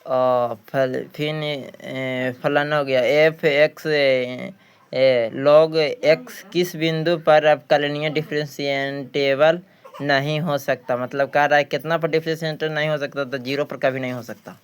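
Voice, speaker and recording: With a fairly high, clean-toned voice and a flat, slow delivery, a man with a Bihari accent teaches maths. It's an exam practice lesson where he works through questions, repeats phrases and answers what he asks.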